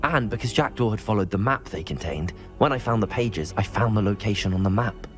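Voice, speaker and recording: A man's voice: on the low side, a little fast, faint music behind, natural voice. An actor playing an earnest young male wizard student in a video game, speaking politely and eagerly. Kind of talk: cinematic video game acting.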